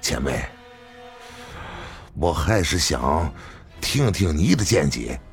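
A man's voice: a bass voice, very animated, takes it slowly, gravelly, faint music behind, voice pushed down, exaggerated voice. A man voicing a polite, restrained young adventurer who speaks respectfully.

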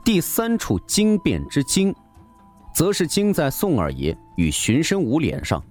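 A man's voice: on the high side, wildly swooping pitch, a little slow, soft background music. Theatrical male audiobook narrator. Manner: theatrical, suspenseful storytelling.

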